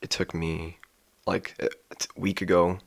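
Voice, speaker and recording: A sick young man telling a casual story in a flat monotone voice, full of ums and restarts. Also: deep voice, unhurried, gravelly, dry recording, studio quality. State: sick, coughing. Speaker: vlogger.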